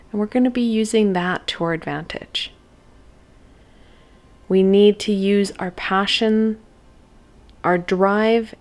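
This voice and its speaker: A woman with a medium-pitched voice gives her viewers a spiritual oracle card reading, speaking gently and encouragingly with thoughtful pauses.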